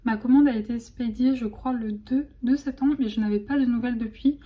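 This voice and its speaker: A young woman chatting excitedly in a casual vlog, full of fillers and restarts. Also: a little high, brisk. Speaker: vlogger.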